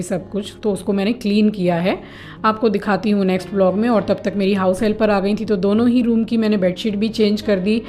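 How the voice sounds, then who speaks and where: A middle-aged woman chatting casually through a home vlog, talking about her meals and chores. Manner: chatty, scolds her pet dog in a high sharp voice. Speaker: vlogger, homemaker.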